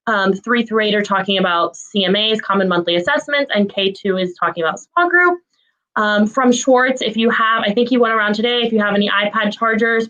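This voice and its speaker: A woman school administrator reading through a list of staff announcements in a brisk, businesslike way, with frequent "um" fillers. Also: medium pitch, a bit bright, highs cut off.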